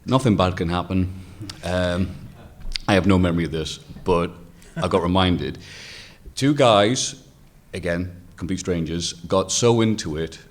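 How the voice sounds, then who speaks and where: A man's voice: low-pitched, unhurried. A man on a convention panel telling an anecdote, acting out the people he quotes. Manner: laughs through his own story and acts out quoted voices.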